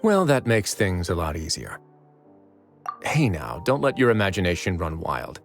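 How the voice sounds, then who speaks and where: An actor playing a shrewd, self-assured fortress warden in a video game, speaking with composed, persuasive ease. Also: male voice, low voice, big pitch swings, moderate pace, soft background music. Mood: matter-of-fact. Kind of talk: English video game voice acting.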